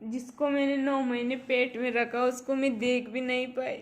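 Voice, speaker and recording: Quiet tearful woman. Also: sits high, flat delivery, normal speed. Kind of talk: casual talk.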